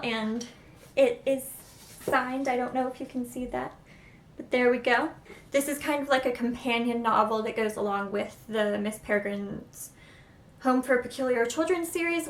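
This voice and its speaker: Young female vlogger, chatty and self-deprecating, a bit high, recorded on camera mic in a roomy space. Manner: self-deprecating, unsure of pronunciations; chatty, excitable. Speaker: booktuber. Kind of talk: casual book haul vlog. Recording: echoey room.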